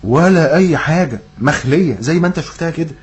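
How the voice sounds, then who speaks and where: A man playing a fast-talking cheeky young Egyptian. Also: on the high side, lively intonation, lightly acted. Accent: Egyptian Arabic. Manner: rapid, teasing, sarcastic banter. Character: cheeky young man, quick-witted and mocking. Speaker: son, comic lead. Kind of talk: comic radio drama acting.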